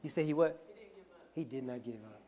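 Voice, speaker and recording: An instructor runs an interactive discussion with the room, speaking at an ordinary mid pitch in an energetic, conversational way. The delivery keeps reaching out to the listeners for agreement. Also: normal speed. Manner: energetic, conversational, checks in with "right?". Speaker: teacher leading a workshop.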